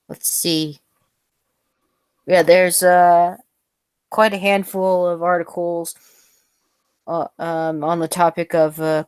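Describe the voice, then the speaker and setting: Casting: woman podcast host, low-ish voice, slow and hesitant, smooth tone. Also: darkish tone, dry recording. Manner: hesitant, many fillers and restarts. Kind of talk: casual podcast chat.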